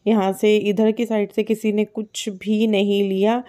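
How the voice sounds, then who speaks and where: A woman in her thirties talks casually through a family vlog in a homely, chatty way. Her pitch sits in the middle range. She speaks into a phone held at arm's length. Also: level tone, measured pace, mellow. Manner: chatty, homely commentary on prices. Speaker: family vlogger. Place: busy indoor shopping mall.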